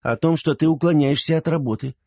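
Strict older woman played by a male reader, raised pitch, dry close sound. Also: fairly quick, creaky, dark tone, dry recording. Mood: stern. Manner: strict, reproachful. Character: stern older woman scolding a girl.

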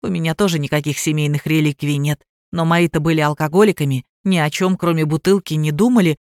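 A woman's voice: low voice, steady tone, fast, darkish tone, dry recording, studio quality, voice pushed down. A woman voicing a young husband, easygoing and talkative, in an audiobook.

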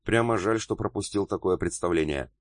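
A man's voice: low voice, fairly quick, no room sound, studio quality, natural voice. A man voicing a thoughtful, wry amateur sleuth in an audiobook.

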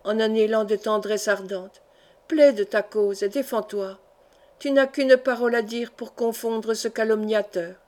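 A woman's voice: on the high side, measured pace, a little mellow, natural voice. A woman voicing a proud, stern old Breton count, reading him in a solemn, grave way close to her own voice.

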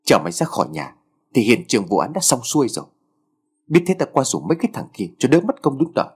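A man's voice: mid-range voice, very animated, fast talker, a little mellow, breathy edge. Siêu, a man doing an eager impatient boy. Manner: urgent, impatient pleading. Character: excitable eager teenage boy, pushy.

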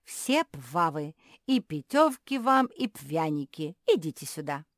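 A woman voicing an absent-minded old male bulldog professor who swaps r and l for v, speaking slowly and loudly. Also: sits low, sing-song, no echo, clean studio sound, heavily acted. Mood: cheerful. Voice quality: says "v" for r and l. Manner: slow, drawn-out, lecturing.

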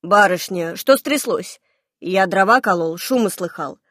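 A woman's voice: mid-range voice, expressive, a little slow, fairly bright tone, no room sound, studio quality. A woman voicing a simple, obliging male peasant servant who speaks plainly and deferentially. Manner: plain, deferential, folksy speech.

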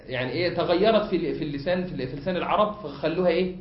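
A man with an Egyptian accent, teaching a lesson as a sheikh, often pausing to have students fill in the word and repeating points. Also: on the high side, slight background noise. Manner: asks the class to fill in words, repeats points. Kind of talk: classroom lesson. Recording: echoey hall, muffled lo-fi.

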